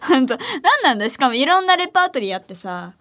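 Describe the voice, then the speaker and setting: A woman's voice: extremely high pitch, huge pitch swings, normal speed, bright, forceful tone. A young woman hosting a late-night radio show, chatting casually in a playful, teasing way and laughing often. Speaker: radio host. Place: radio studio.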